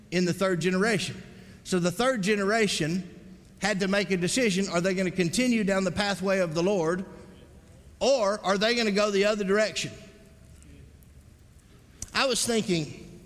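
A male pastor delivers a sermon in a high voice, driving his points home with repeated, rising refrains. His words ring out with a long reverb, as in a large hall. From Montgomery, Alabama family roots.

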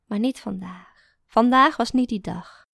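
A woman narrating a first-person story in a calm, even storytelling manner. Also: fairly high pitch, unhurried, gravelly, no echo, clean studio sound. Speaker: audiobook narrator.

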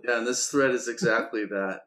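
A man's voice: mid-range voice, moderate pace, fairly bright tone. A middle-aged man in casual conversation, talking reflectively about himself and laughing often.

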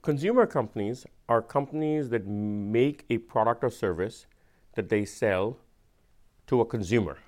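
In relaxed conversation, a venture capitalist with an Indian accent explains patiently and with measured emphasis. His mid-range voice is a little mellow, with lively intonation.

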